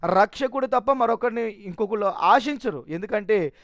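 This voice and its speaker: A man's voice: high-pitched, moderate pace, no room sound, clean studio sound. A man giving a personal testimony in an earnest, emotional way, often restarting his sentences.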